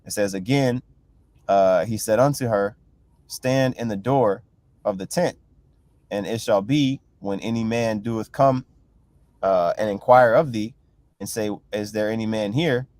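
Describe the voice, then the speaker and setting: A man's voice: on the low side, unhurried, a little mellow, dry recording. A man leading a casual bible class, reading verses aloud and retelling them loosely, with constant "you know" and "right?" check-ins. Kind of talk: casual scripture teaching.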